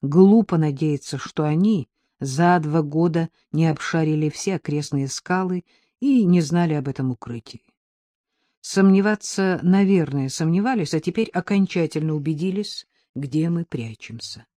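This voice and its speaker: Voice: mid-range voice, normal speed, warm tone, dry recording, studio quality, natural voice. The audiobook narrator voicing Maleev, a tense man in hiding who speaks tersely. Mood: grim. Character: tense male fugitive hiding in rocks.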